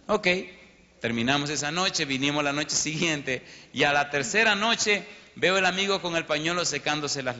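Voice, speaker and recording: A man preaching as a pastor, telling a dramatic story and acting out the dialogue and sound effects. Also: fairly high pitch. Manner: animated, acts out sounds and dialogue. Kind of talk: storytelling sermon. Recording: lo-fi recording in a reverberant hall.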